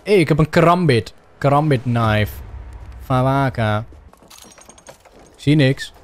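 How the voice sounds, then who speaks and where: A young man with a Dutch accent giving excitable gameplay commentary, shouting and yelping playfully as he plays. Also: takes it slowly. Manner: shouty, playful, bursts into silly high yelps. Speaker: gaming YouTuber.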